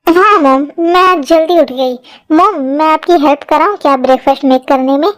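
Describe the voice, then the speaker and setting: A woman's voice: high-pitched, moderate pace, fairly bright tone, dry recording. A woman voicing a timid teenage schoolgirl in a Hindi fan-dub drama, pleading and easily brought to tears. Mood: earnest.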